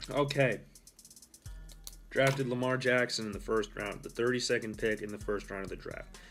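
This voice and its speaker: A man's voice: medium pitch, fairly even intonation, normal speed, fairly bright tone, faint music behind. Young man rambling through sports predictions. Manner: rambling, with fillers and self-corrections. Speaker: host. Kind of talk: casual sports talk monologue.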